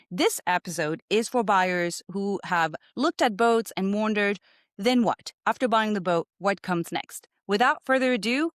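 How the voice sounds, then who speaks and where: A woman hosting a podcast interview, asking questions in an upbeat, animated way. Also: mid-range voice, dry recording, clean studio sound. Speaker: podcast host.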